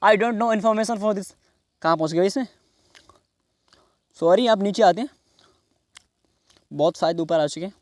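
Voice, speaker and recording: A man teaching in a class, explaining slowly and repeating each phrase. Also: high-pitched, darkish tone, no room sound. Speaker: English teacher. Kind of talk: classroom lesson.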